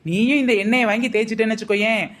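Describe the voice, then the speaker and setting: A woman's voice: on the high side, steady tone, racing, lightly acted. A woman playing a scheming young village shopkeeper selling hair oil in a scripted comedy skit, with sly, wisecracking sales patter.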